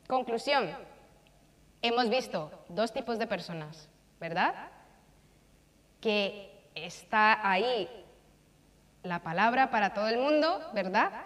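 A young woman preaches the front of a church, hammering her points home by repeating them. Her voice sits high and rings out with a long reverb through the hall. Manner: emphatic, repeats phrases for stress. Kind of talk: sermon.

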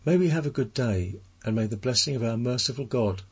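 A man giving a gentle daily gospel reflection, asking his listeners questions as a preacher. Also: medium pitch, expressive, fairly quick, husky. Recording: lo-fi recording with faint music.

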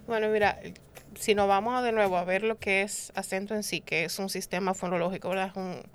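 A woman's voice: medium pitch, fairly even intonation, brisk, clear, resonant tone. A woman speaking on a discussion panel, explaining points at length and often checking in with tag questions. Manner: explanatory, reasoning aloud with frequent tag questions. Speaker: panel guest.

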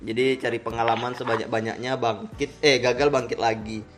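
A man's voice: medium pitch, level tone, a little fast, noisy background. A man hosting a casual, joking podcast chat, often repeating words for emphasis. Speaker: podcast host. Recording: music behind the voice. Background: background music.

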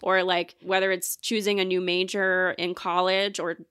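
A woman's voice: on the low side, little pitch movement, normal speed, fairly bright tone, clean tone, dry recording, studio quality. A woman hosting a podcast and asking friendly, rambling questions full of fillers. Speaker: podcast host. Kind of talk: casual interview talk.

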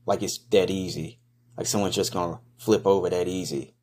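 A man with a deep voice narrates his outing as it happens, casually and off the cuff. His talk is crude and full of slang and swearing. He comes across as blunt and mocking, commenting on whatever is in front of him. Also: steady tone, moderate pace, a little mellow. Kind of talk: casual improvised first-person running commentary.

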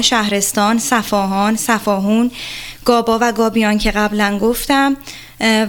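Isfahani persian lady, kinda high voice, presenting on radio. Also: a bit bright. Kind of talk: informative talk with recited verse.

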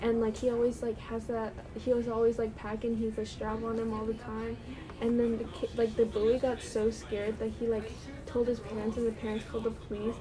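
A teenage girl talks earnestly on a student podcast in a flat, even tone, with a voice a bit high for a girl. Clear chatter from a crowd sits behind her voice. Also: a little fast, rough recording. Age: teens. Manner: earnest, advice-giving, filler-heavy. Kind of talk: casual chat.

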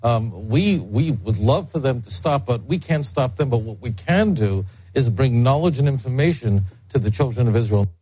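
A man's voice: medium pitch, lively intonation, moderate pace, few pauses, darkish tone, slight background noise, low-quality recording. A rabbi speaking emphatically in a recorded clip, arguing his point. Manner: emphatic, argumentative.

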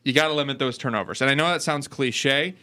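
A man talks sports on a podcast, working through stats out loud and catching his own slips. His voice is bright and sharp, with a smooth, crisp tone that carries well. The talk stays casual and unscripted. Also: medium pitch, fast. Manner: rattles off stats and corrects himself mid-sentence. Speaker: podcast co-host.

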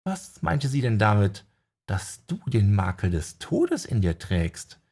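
A man voicing a sharp-tongued young woman necromancer, raised in pitch, in an audiobook. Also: big pitch swings, slow pace, slightly rough, exaggerated voice. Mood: brisk.

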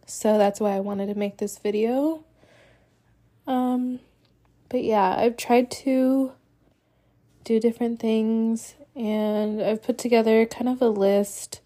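A tearful woman hosts her podcast in a slow, mellow voice that keeps cracking. She talks casually and haltingly, with many pauses, in a warm, low-lit tone. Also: fairly even intonation. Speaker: podcast host.

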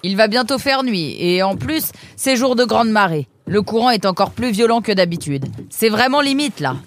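A fox boatman from a children's storybook, as a woman puts him on, a grown male, brisk and teasing. He talks loudly, as if calling over rushing water, and explains things with a knowing air. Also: a little high, expressive, slight background noise, voice pushed up, close to an everyday voice.

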